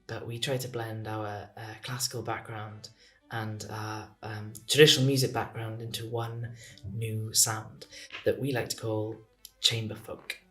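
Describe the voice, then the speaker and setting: A man's voice: mid-range voice, a bit bright. A man from a string trio introducing the band, hesitant with many ums. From Wales. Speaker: folk musician in a string trio. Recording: distant mic with music behind.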